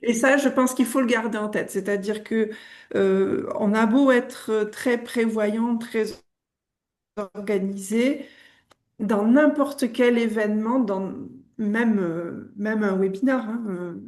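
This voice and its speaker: A woman with a French accent speaking as a webinar panelist over a video call, measured and often pausing with fillers. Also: on the high side, a little mellow. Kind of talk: conversational webinar talk.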